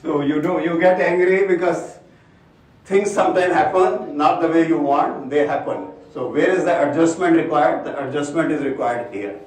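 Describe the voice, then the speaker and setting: Workshop facilitator, male, slightly higher voice, distant mic in a reverberant room. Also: moderate pace. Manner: asks the room questions, then explains. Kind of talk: interactive workshop talk. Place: large echoey room with a group. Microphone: far from the mic.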